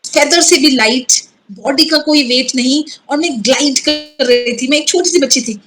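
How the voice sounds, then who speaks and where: High-voiced woman recounting a spiritual experience. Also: poor audio. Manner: earnest, halting, with frequent restarts and English words mixed into Hindi. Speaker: guest. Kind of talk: personal testimony in a conversational interview.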